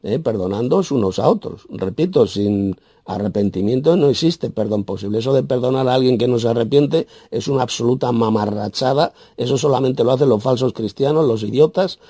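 A man with a Spain Spanish accent preaching a verse-by-verse sermon, emphatic and scornful, with sudden loud, high bursts and a habit of tagging his points with "¿eh?". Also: brisk, slightly rough, no echo. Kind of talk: sermon, verse-by-verse Bible exposition.

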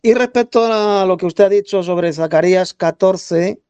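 A man's voice: high-pitched, normal speed, darkish tone, clean tone, no room sound. A man arguing scornfully in a heated religious debate, lecturing his opponent. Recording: dull lo-fi dry recording.

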